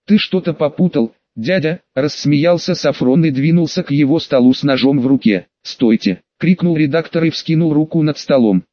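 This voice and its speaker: A man's voice: a little high, dry recording, highs cut off. Man narrating a crime audiobook. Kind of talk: scripted narration.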